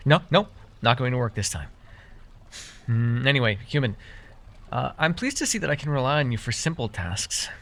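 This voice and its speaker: Here the same sort of fae guide, teasing yet caring and quick to get flustered, trades exasperated banter in fantasy roleplay ASMR acting. The man's medium-pitched voice is a bit bright and sing-song, at a normal speed, with a mildly exasperated mood.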